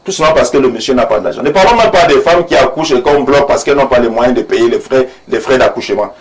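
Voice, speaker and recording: A man speaks as an imam in a studio debate. His voice sits at an ordinary middle pitch. He talks in an earnest, preaching way and repeats phrases for emphasis. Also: quick pace, low-quality recording. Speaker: imam, panel guest.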